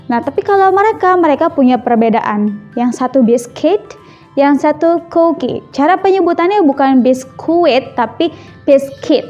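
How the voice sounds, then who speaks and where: A woman English teacher from Indonesia gives a vocabulary lesson, mixing two languages and repeating words slowly for practice. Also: high-pitched, lively intonation, darkish tone, highs cut off, soft background music.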